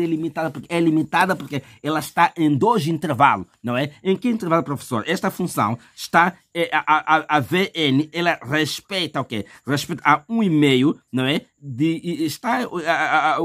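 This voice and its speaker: A man with a fairly high voice explains a math exam step by step. He is chatty and informal, repeats himself and thinks aloud with fillers. He keeps calling the listener his brother. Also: fairly bright tone. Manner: chatty, addresses viewer as "meu irmão". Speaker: math teacher. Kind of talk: math lesson walkthrough.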